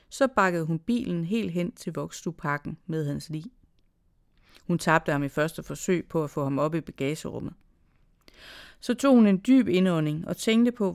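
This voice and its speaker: A reader giving a slow, measured literary reading of dated diary entries and a short story, in short phrases with pauses. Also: mid-range voice, gravelly, a little mellow, clean tone, no echo, studio quality. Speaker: reader of own prose.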